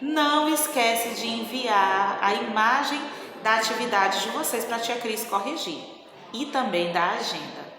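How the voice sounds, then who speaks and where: A woman teacher in a recorded video lesson, explaining school exercises slowly and carefully. She stretches out her words as she dictates and keeps checking in with her pupils. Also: fairly high pitch, expressive, a crowd in the background. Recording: echoey room with long reverb.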